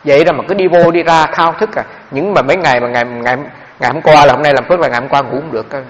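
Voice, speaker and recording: A man's voice: fairly high pitch, racing. A Buddhist monk gives a dharma talk full of stories, and he speaks to his listeners directly and with animation. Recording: dull, echoey hall.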